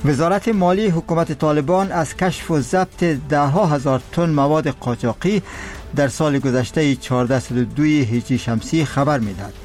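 A man with an Afghan accent reading a formal radio news bulletin in a measured delivery. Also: fairly high pitch, a little mellow, soft background music. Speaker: radio newsreader.

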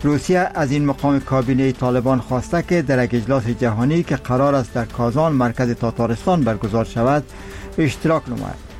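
A male newsreader with an Afghan accent presents a radio bulletin. His delivery is formal and measured, at a middling pitch, with music behind him. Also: darkish tone.

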